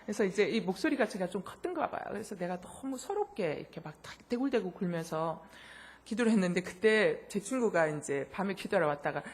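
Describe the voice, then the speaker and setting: A middle-aged woman pastor preaching a sermon with a personal testimony, naturally loud-voiced, telling her story with emotion and acting out the dialogue, soft one moment and impassioned the next. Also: mid-range voice, lively intonation, brisk. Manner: swings between soft intimate lines and loud impassioned bursts.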